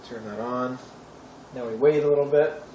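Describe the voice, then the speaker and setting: A young man runs a cooking tutorial from his home kitchen, keeping it chatty and offhand with wry remarks. His medium-pitched voice moves at a normal speed, and the recording is muffled, echoey and noisy from a distant camera mic, with clattering pots and cutlery around him.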